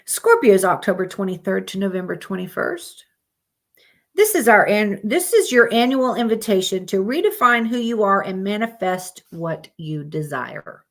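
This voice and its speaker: Her medium-pitched voice has a sing-song lilt and a fairly bright tone, moving at a normal speed. She's live streaming, casually reading out monthly horoscopes and stopping for blunt, sweary asides.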